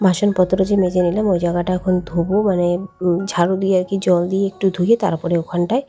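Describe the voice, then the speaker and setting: A woman vlogger with a cold, speaking hoarsely and quietly in a chatty, rambling late-night voice-over. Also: on the low side. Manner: speaking softly and hushed.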